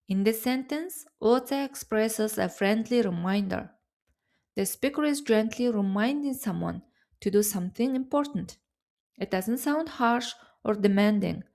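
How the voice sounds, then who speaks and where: A woman teaches grammar in a scripted lesson, speaking unhurriedly and spelling out each example. Her voice sits somewhat high. She moves through words and their meanings one by one at a slow pace. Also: vocal fry, darkish tone. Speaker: language teacher.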